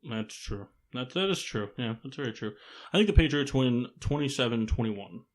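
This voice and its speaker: A man hosts a loose sports chat with friends, needling them and laughing often. His voice sits in an ordinary middle range and his questions come quickly. The talk is relaxed and playful. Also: mid-range voice. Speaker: podcast host.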